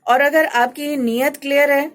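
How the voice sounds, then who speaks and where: A woman hosts a radio advice show and speaks Urdu with a Pakistani accent. Her voice sits somewhat high. She talks casually, builds her points from everyday examples and keeps asking her listener "right?". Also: fairly even intonation. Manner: explains with homely examples and asks "right?". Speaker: radio talk show host and life coach.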